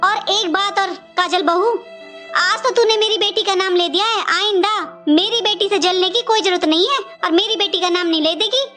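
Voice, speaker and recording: A woman voicing a bossy, scolding middle-aged mother-in-law in an animated cartoon, speaking harshly and commandingly. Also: extremely high pitch, normal speed, faint music behind.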